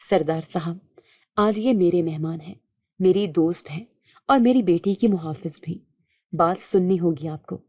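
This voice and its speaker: A sorrowful young mother from a spoken story, pleading softly and earnestly, as a woman reads her lines. Her voice sits low and warm, in a dry, close sound with no room around it. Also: no echo, lightly acted. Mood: urgent.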